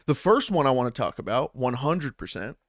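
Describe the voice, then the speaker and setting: A battle rap commentator streams from home, chatting in a rambling way full of restarts and "man" and "bro." His medium-pitched voice is sing-song and fairly quick. The recording is dry, made on a studio dynamic mic running through an audio interface.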